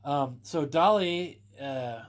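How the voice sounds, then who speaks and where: A man co-hosting a casual live-stream chat, talking in a relaxed, rambling and wry way. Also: fairly high pitch, slow. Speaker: co-host.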